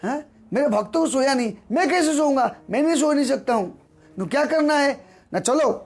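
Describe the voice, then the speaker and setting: A man's voice: very high-pitched, lively intonation, moderate pace, pitched above the performer's own voice. A man voicing a loving male god who talks in pleading, repeated exclamations. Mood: insistent. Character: loving god, adult male, tender and eager.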